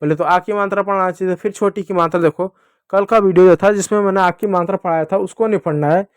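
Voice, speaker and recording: Man, children's reading teacher, slow and patient, repeats each sound, high voice, dry close recording. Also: steady tone, no room sound. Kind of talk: children's Hindi alphabet lesson.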